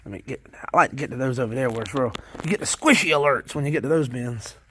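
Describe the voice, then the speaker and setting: This Southern American worm farmer talks fast in a medium-pitched, somewhat bright voice, with slight background noise behind him. Vlogging to viewers about his worm bins, he keeps things casual and folksy, rambling, repeating himself and frequently starting over.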